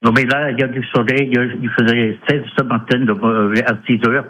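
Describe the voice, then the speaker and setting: A man's voice: mid-range voice, fairly even intonation, a little fast, fairly bright tone. A man calling in to a radio quiz over a muffled phone line that sounds like talking through a tube, giving brief, easygoing answers.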